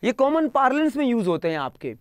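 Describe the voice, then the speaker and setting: A man's voice: very high-pitched, very animated, smooth, dry recording. A man with an Indian English accent teaching vocabulary online, mixing Hindi with English, spelling words out letter by letter and having students repeat. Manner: spells words letter by letter and drills pronunciation slowly; mixes Hindi and English, addresses students directly.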